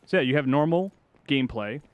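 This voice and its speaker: The recording has a lo-fi quality as a video game journalist hosts a game show segment, giving casual, energetic commentary while explaining gameplay. He speaks briskly in an expressive, mid-range voice.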